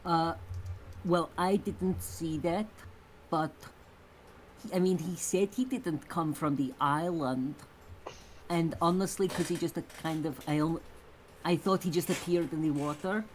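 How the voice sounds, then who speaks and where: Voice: mid-range voice, steady tone, unhurried, slight background noise, rough recording. Rambling tabletop player. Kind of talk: casual role-play chat.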